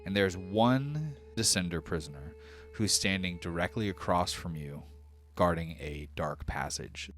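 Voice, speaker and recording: A man's voice: low voice, a little slow, fairly bright tone, soft background music. A man narrating a tabletop game as game master in a casual, descriptive style.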